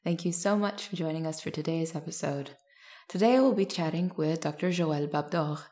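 A woman hosts a science podcast with an upbeat, clear delivery. Her voice sits low for a woman. She reads a scripted introduction before moving into relaxed questions. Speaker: podcast host. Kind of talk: scripted intro then interview.

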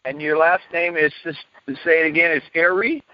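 A man's voice: fairly high pitch, fairly even intonation, moderate pace, dry recording. A man hosting a radio show in a casual, conversational style. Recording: dull lo-fi radio call audio.

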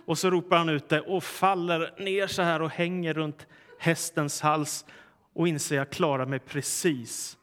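A man's voice: on the high side, smooth, in a large hall. A man preaching a sermon, telling a humorous story and then reading scripture aloud. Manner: storytelling, animated in punchlines. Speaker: pastor.

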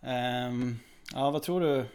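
A man co-hosting a casual tennis podcast, relaxed and hesitant, with many fillers. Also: medium pitch, clean tone. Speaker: podcast co-host.

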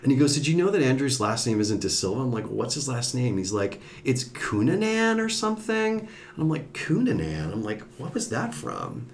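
A man with a mid-range voice talks fairly quickly and hardly pauses as he tells a story as a podcast guest. Formerly a TV executive, he keeps things casual and animated, mimicking the voices of the people he quotes.

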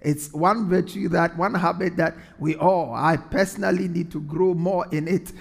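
High-voiced man preaching in an echoing hall. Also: fairly even intonation, normal speed, vocal fry. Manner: earnest, repeats phrases for emphasis. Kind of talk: sermon.

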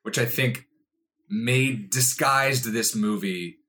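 A man's voice: medium pitch, slow pace, bright, forceful tone. A man co-hosting a casual film review podcast, talking in a rambling, hesitant way with lots of restarts. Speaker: podcast co-host.

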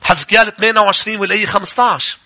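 A man's voice: sits high, racing. A male pastor with a Lebanese Arabic accent, preaching a sermon to his congregation and putting questions to them. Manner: animated preaching, quoting scripture, asking the congregation questions; rises to loud urgent preaching. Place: church before a congregation.

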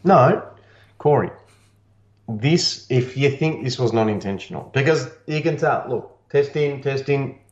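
A cheeky Australian man trades crude, boastful jokes on a podcast. His voice comes through muffled and hollow, as if he's talking through a paper cone. The sound is dull and boomy, with a lot of room echo. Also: lively intonation, measured pace. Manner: swears a lot, teasing and boastful. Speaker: podcast co-host. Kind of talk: crude, jokey banter.

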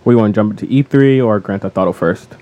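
A man co-hosting a casual gaming podcast, energetic and playful, joking and laughing as he talks. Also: lowish voice, quick pace, phone-quality sound. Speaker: podcast co-host.

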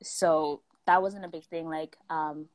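A woman's voice: deep voice, steady tone, slow, no echo. A young woman from South Africa, telling a story in a casual chat with lots of fillers, acting out the people she quotes.

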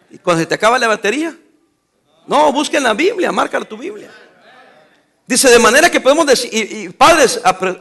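High bright preaching man. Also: creaky. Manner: emphatic preaching, call-and-response questions to the congregation; teasing, scolding asides. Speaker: pastor. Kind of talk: sermon.

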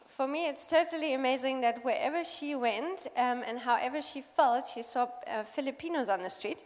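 A woman's voice: sits high, moderate pace. A woman interpreting live at a church gathering, often hesitating and searching for the right words. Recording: echoey hall with long reverb.

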